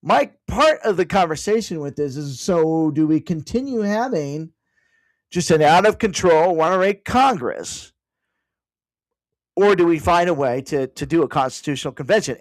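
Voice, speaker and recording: A man's voice: on the high side, lively intonation, moderate pace, no echo, low-quality recording. A man hosting a casual learning session at home, thinking aloud and drifting into "by the way" asides. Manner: digressive, with frequent "by the way" asides; thinks aloud while searching online. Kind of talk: casual explanatory talk to an online audience.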